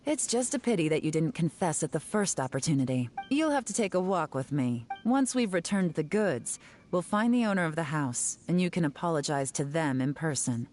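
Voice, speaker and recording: A woman voicing a cool, self-assured enforcer in a video game, measured and commanding with a wry, stern edge. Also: low-pitched, expressive, darkish tone, soft background music.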